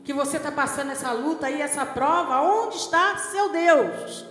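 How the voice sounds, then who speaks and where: A woman's voice: high voice, moderate pace, a bit bright. A woman, voicing a mocking male enemy spirit in the middle of a sermon. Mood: taunting. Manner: mocking questions. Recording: echoey church hall with music.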